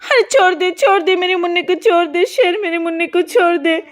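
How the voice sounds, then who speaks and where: A woman's voice: very high-pitched, a little fast, very noisy. A woman voicing a desperate young mother who begs tearfully for her baby in a children's cartoon. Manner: tearful, imploring. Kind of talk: cartoon voice acting.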